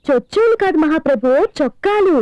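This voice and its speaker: Teasing young woman lawyer, high voice, faint music behind. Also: expressive, dry recording, lo-fi sound. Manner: teasing, quick-witted. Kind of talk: film dialogue.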